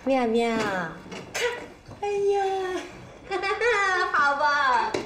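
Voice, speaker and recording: A woman's voice: very high-pitched, extremely slow, noisy background, heavily acted. A gushing, doting older grandmother. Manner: excitable, gushing, repeats words. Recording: roomy echo with faint music.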